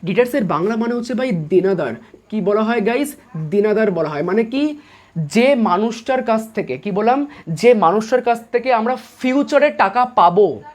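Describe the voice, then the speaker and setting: Calling his students guys and brother, a man teaches commerce online in a casual, chatty style, with a high voice, lively intonation, and moderate pace. He asks quiz questions and repeats each point before answering it on his own.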